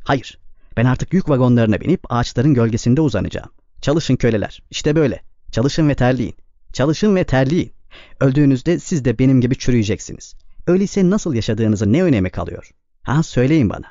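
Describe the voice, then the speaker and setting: A man voicing a weary, hard-drinking male laundry worker who talks loud and defiant, read in a slightly dull, dry recording. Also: medium pitch, dry recording, natural voice. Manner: pleading, then loud and defiant.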